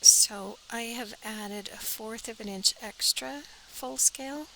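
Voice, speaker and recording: A woman's voice: a little high, slow, sharp tone, slight background noise, poor audio. A woman teaching a step-by-step sewing pattern drafting tutorial, practical and talking as she works, often dropping to an airy half-whisper.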